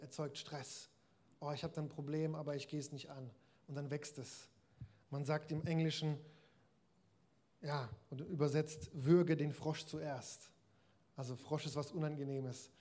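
A man's voice: a little high, warm tone. A man preaching a sermon in a conversational way, addressing his listeners directly.

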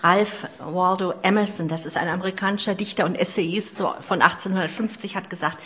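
A middle-aged woman preaching a sermon, retelling a story with personal asides, moving between loud emphasis and hushed lines. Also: lowish voice, fairly even intonation, a little fast.

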